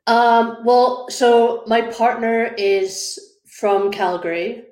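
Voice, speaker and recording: A woman's voice: a little high, very slow, darkish tone, roomy sound. A Scottish woman in her thirties, a graphic designer chatting casually as an interview guest, with plenty of ums and easy laughter. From Scotland.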